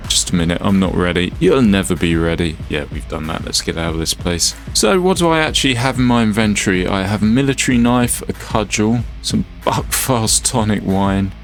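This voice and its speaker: A man's voice: lowish voice, a little fast, few pauses, faint music behind. A man giving playful, laughing commentary over his own gameplay as a gaming YouTuber.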